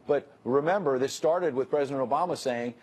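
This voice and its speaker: A middle-aged man anchoring a cable news show, brisk and wry as he reads tweets and interviews a guest. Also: mid-range voice, darkish tone. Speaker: news host.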